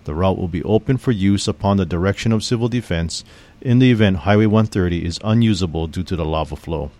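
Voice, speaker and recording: Low-voiced man, grave civil defense broadcast. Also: quick pace, a little mellow.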